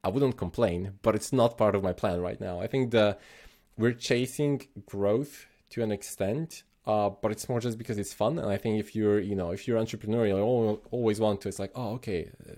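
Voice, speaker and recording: A man from Slovenia with a low, mellow voice chats on a podcast. He talks thoughtfully, stopping and restarting his sentences as he works out what he means. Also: normal speed, hardly any pauses. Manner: thoughtful, many restarts and self-corrections. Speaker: podcast host. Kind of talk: casual podcast chat.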